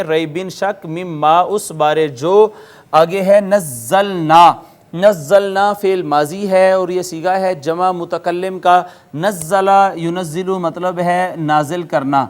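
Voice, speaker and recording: A man's voice: high-pitched, clean tone. A man with a Pakistani Urdu accent teaching Quranic Arabic grammar, explaining word by word with patient repetition. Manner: patient, methodical, spells out words and repeats meanings; chants Quranic words slowly in a drawn-out recitation tone. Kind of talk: classroom-style recorded lecture.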